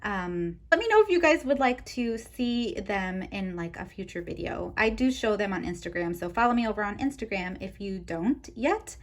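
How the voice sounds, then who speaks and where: A woman's voice: medium pitch, lively intonation, normal speed, few pauses. A woman vlogger explaining her household budget in a chatty way, talking straight to her viewers with frequent ums. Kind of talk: casual direct-to-camera vlog.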